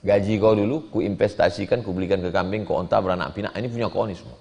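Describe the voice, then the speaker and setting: A man teaching a religious study class, telling a story with lively pitch swings, quoting Arabic lines and translating them. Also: quick pace, creaky. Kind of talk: sermon. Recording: long hall reverb.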